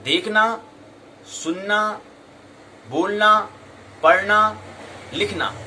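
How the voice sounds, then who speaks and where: A man teaching a Sanskrit grammar lesson, explaining and drilling sounds slowly and repeating them for practice. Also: a little high, bright, forceful tone, slight background noise. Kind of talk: classroom lecture.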